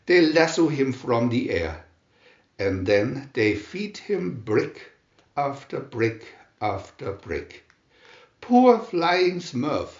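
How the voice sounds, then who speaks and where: With a medium-pitched voice, a storybook reader narrates for children, taking great care over each phrase, his intonation lively and expressive. The audio is a little muffled, with the reverberance of a room.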